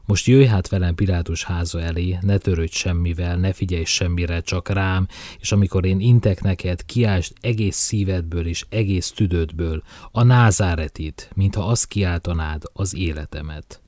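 A man voicing a gentle, merciful male teacher who speaks softly and slowly. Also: deep voice, fairly even intonation, no room sound, lightly acted. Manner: soft, slow, measured speech.

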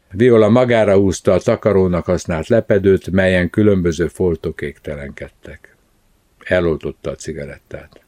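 A man calmly reading a novel aloud as narrator. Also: low-pitched, dry recording. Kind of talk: scripted audiobook narration.

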